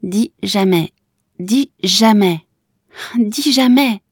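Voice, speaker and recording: A woman's voice: medium pitch, animated, moderate pace, darkish tone, no room sound, studio quality, pitched above the performer's own voice. A woman voicing a small girl who pleads urgently with her grandmother. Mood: pleading. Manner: urgent, begging.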